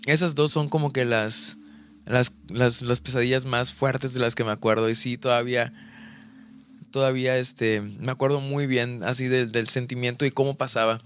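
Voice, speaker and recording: A man's voice: medium pitch, steady tone, moderate pace, fairly bright tone, a little hiss or hum. A young man co-hosting a podcast, chatting casually with many restarts and fillers. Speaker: podcast co-host. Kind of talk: casual chat.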